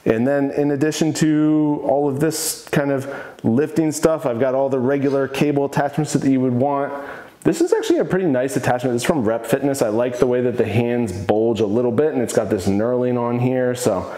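Showing off the equipment in his basement home gym, a fitness coach in his thirties speaks at a moderate pace with a warm, medium-pitched voice. He's casual and enthusiastic with his opinions, and the recording sounds echoey.

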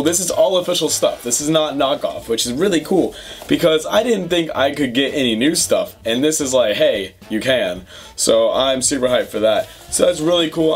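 A young man at home chats through an unboxing, gushing over each item and filling gaps with ums and likes. His pitch is mid-range and he sounds excited throughout, with faint music behind him. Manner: excitable, chatty, lots of fillers and gushing. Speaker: YouTube host. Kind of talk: casual unboxing vlog. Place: home room with puzzles on the wall.

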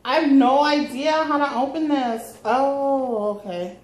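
Taking things slowly in a high voice, a young woman chats through an unboxing vlog in a gushing, slangy, self-mocking style. Her phone, on a selfie stick and at times set further away, picks up the roomy living room and its background noise.

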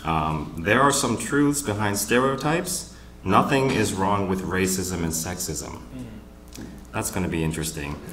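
A man moderating a panel at a conference, opening with wry, teasing jokes and pausing for laughs. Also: deep voice, lively intonation, reverberant, background noise. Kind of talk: joking conference emcee remarks. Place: conference hall with live audience.

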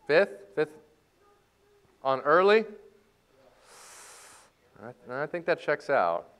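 A man leading a church music lesson for a class, joking and playful as he explains reading music and warming up voices. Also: on the high side, very animated, slow, clear, resonant tone. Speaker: music teacher. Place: church hall.

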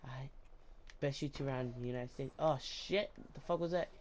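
A man joking his way through a shooter match, crude and repetitive. He loops the same phrases and suddenly gets loud and excited. A faint hum sits under his voice. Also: mid-range voice, brisk. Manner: crude, jokey, repeats himself, bursts of loud excitement. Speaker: gameplay video maker. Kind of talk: casual gameplay commentary.

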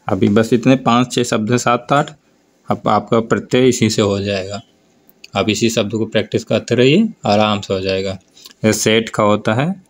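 A man with a fairly low voice teaches a grammar class for board exams at a slow, deliberate pace. He draws out the example words and keeps prompting the students to look and answer. His accent is North Indian Hindi. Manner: slow, drawn-out explanation with repeated prompts to look. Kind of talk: board exam grammar lesson.

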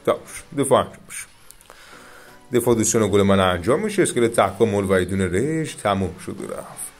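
A man with an Iranian Persian accent giving chatty, excited commentary on a mobile game, often addressing his viewers as dear friends. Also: on the low side, soft background music. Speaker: gaming YouTuber. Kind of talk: casual gameplay commentary.

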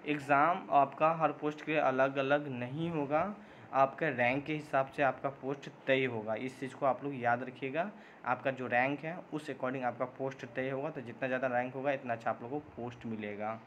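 A man of medium pitch and fairly even intonation, slightly bright, is heard on a lo-fi recording with a little hiss or hum. He answers viewer comments on his job-update vlog in a rambling way, with many fillers, restarts, and English terms, and owns up to sometimes talking too fast.

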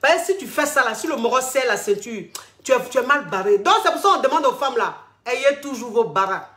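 A woman's voice: fairly high pitch, lively intonation, brisk, a bit bright. A woman hosting a vlog, giving casual, familiar relationship advice and repeating herself as she speaks to her listeners as darling. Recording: roomy echo.

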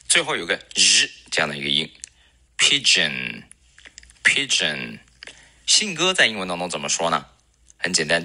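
A man teaching English pronunciation in a recorded lesson, a native Chinese speaker who models words slowly and repeats them. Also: deep voice, bright, forceful tone.

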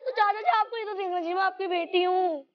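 A woman's voice: extremely high pitch, steady tone, quick pace. A young woman playing a niece who pleads tearfully and keeps refusing, in an amateur skit. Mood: pleading. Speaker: niece refusing to be forced into bad work. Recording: muffled recording with clear background noise.

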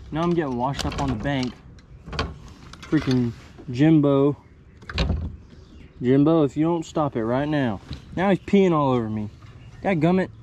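Young male fishing vlogger, mellow voice, loose running commentary from a kayak, faint creek noise behind. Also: fairly high pitch. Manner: chatty, talks to the fish, mild exclamations. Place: small kayak on a wooded creek outdoors. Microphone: chest-mounted action camera.

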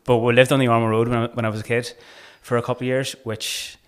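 Talking fast with a medium-pitched, level, clean-sounding voice, this thirty-something Belfast man appears as a guest on a podcast. His casual conversation is earnest and searching, full of restarts, picked up by a desk mic on a boom arm in a small bright studio.

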